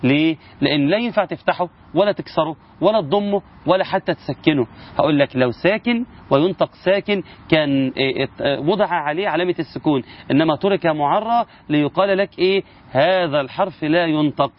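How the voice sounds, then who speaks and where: Egyptian man, recitation teacher, rapid talk, slightly high voice, dull lo-fi sound. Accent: Egyptian Arabic. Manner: explains with rhetorical questions. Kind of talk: casual spoken lesson.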